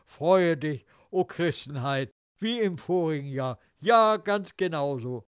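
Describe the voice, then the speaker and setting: A man narrating a literary story in a wry, expressive way, slipping into the thoughts of the characters. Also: fairly high pitch, slow pace, clean tone, dry recording.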